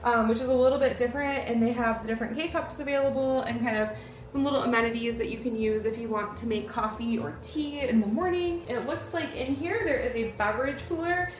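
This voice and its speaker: A woman's voice: on the high side, fairly quick, roomy sound, a little hiss or hum. A woman hosting a travel vlog, chatting in an upbeat way and giving a descriptive room tour. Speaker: vlog host.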